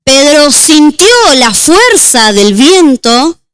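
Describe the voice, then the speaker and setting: A woman deaconess preaching a sermon and reading scripture aloud, slowing down on key words. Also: sits high, animated, fairly bright tone, no echo, faint music behind. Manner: measured, slows on key words.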